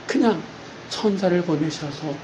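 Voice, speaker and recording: A middle-aged male pastor preaching a sermon in an animated way, often asking the congregation rhetorical questions. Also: sits high, unhurried, noisy background.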